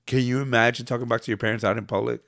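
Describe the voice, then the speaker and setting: A man's voice: medium pitch, steady tone, rapid-fire, gravelly, a crowd in the background. A man co-hosting a casual podcast, sounding nasal and congested from a cold, rambling through stories. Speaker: podcast co-host. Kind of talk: casual chat.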